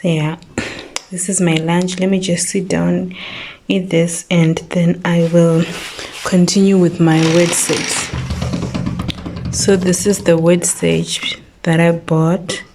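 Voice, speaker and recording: A woman's voice: fairly low pitch, level tone, slow, noisy background. Young woman vlogging through jaw pain. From Zimbabwe. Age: 20s. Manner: chatty, repeats "so yeah", addresses viewers as besties. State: speaking through jaw pain after a tooth extraction, slight lisp. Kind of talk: casual vlog talk to camera. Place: rural home.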